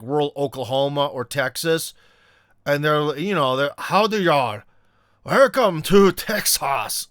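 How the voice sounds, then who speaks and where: A man, from Ohio, talks loosely and off the cuff, full of ums and half-finished thoughts. His voice comes through smooth and resonant, in a close, dry recording with no room sound. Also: on the high side, a bit bright, no room sound. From Ohio, USA. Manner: rambling, many fillers and restarts. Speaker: vlogger. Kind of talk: casual unscripted monologue.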